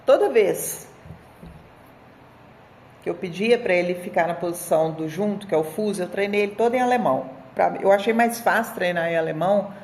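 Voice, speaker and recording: A woman in her thirties with a Brazilian Portuguese accent, a dog trainer presenting an article in a chatty, animated storytelling way, talking straight to her viewers. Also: medium pitch, a little hiss or hum. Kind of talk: casual video presentation of an article.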